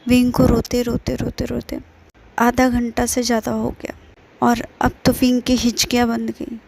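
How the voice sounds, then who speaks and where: Woman storyteller, casual narration, fairly high voice, raspy, flat pitch. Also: normal speed. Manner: relaxed retelling with fillers and English words. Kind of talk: casual narration retelling a drama.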